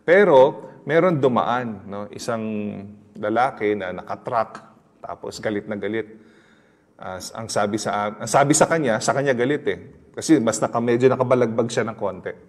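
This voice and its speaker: A man's voice: mid-range voice, expressive, normal speed, in a large hall. A man with a Filipino accent preaching a sermon, telling stories in a chatty way and asking his listeners questions. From Philippines. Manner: mixes English into Tagalog, chatty storytelling with laughs and audience questions. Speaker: pastor.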